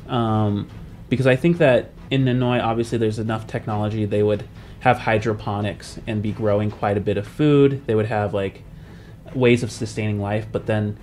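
In a low-leaning, slightly mellow voice, a man acting as a podcast's game master chats casually and a bit hesitantly about world building, thinking aloud as he goes. Music plays in the background beneath him.

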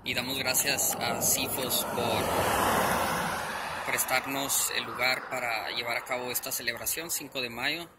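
A man speaking casually into a handheld phone outdoors, announcing a community event in a slow, halting way with many restarts. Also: medium pitch, fairly even intonation. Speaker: presenter of a community event video. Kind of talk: casual spoken announcement with prayer. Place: outdoors by a street. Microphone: handheld phone camera. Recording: loud outdoor noise with traffic. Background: passing cars and street ambience.

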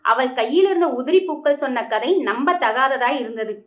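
Woman reading a historical novel out loud, high voice, sound a bit dull and muffled. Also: expressive, normal speed. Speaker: narrator reading a novel aloud. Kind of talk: scripted narration of a historical novel.

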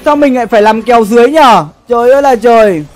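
Faint music plays as a young male gamer, his very high voice a little mellow, talks fast on his livestream. It's casual game commentary from an indoor setup, slangy, sweary and full of repeated phrases.

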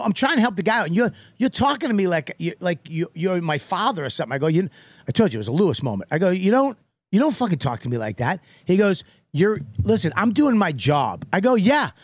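A man hosts a comedy podcast, spinning a profane story and playing every person in it. His voice sits high and swings widely. The sound is close and dry, with no room around it. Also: dry recording. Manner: animated, profane, acts out other people's lines. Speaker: podcast host.

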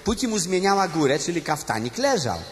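A man's voice: high voice, very animated, brisk, a little hiss or hum. Man telling a cabaret monologue on stage. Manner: addresses audience directly, chatty storytelling with tag questions. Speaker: cabaret performer. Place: stage before a live audience. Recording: live stage recording with long hall reverb and music.

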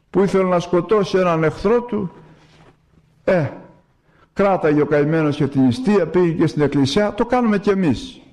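A man's voice: a little high, darkish tone. A man in his seventies from Greece, an archimandrite giving a radio sermon that tells stories and asks rhetorical questions. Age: 70s. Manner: storytelling homily with rhetorical questions and acted quotes. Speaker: archimandrite priest. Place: radio studio.

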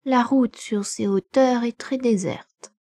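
A woman voicing a kindly, calm farm servant woman in a gentle, soothing manner, read in an audiobook. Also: on the high side, takes it slowly, pitched above the performer's own voice. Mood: placating.

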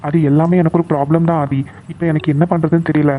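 A man's voice: a little high, flat delivery, quick pace, slight background noise, close to an everyday voice. A man voicing a troubled, earnest young man torn between his love and his family duties. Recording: tinny phone-like recording.

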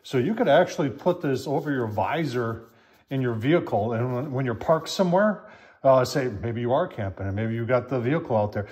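A man's voice: mid-range voice, animated, brisk, a little mellow. An older man chatting casually at home in his kitchen, reviewing a product in a folksy way, calling his viewers "folks", with the phone camera close at hand.

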